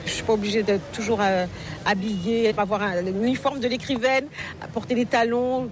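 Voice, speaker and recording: This middle-aged Parisian novelist, a guest in a casual interview, answers thoughtfully but hesitantly, full of "euh"s and restarts. Her fairly high voice stays steady at a normal speed. Recorded at an outdoor market among people, the audio is busy with crowd chatter and passing vehicles.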